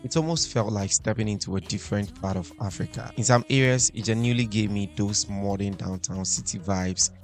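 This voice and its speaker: Low-voiced Ghanaian man narrating travels. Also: fairly quick, few pauses. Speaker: travel vlogger. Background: faint music.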